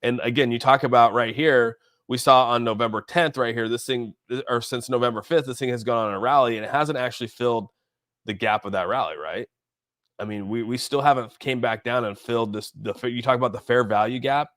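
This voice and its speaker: A man hosts a casual crypto-market livestream, rambling and thinking aloud as he answers viewers. His medium-pitched voice is a bit bright and a little fast, recorded dry with clean studio sound.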